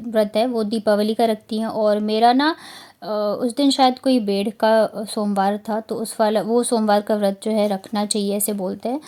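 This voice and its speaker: Here the Bihari vlogger, a woman in her thirties, has a fairly high pitch and a darkish tone. She talks through her home vlog in a loose, chatty voice-over full of fillers.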